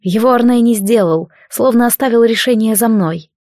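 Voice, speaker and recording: A woman reading a first-person fantasy audiobook in a calm, even storytelling manner. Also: fairly high pitch, normal speed, dry recording, clean studio sound. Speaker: audiobook narrator.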